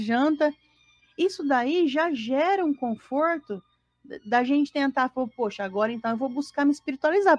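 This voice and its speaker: This Brazilian woman's voice sits high as she co-hosts an informal spiritist gospel study streamed live from home. She teaches by asking rhetorical questions and acting out everyday scenes, doing voices and sighing in dismay. The audio has no room sound and its highs are cut off.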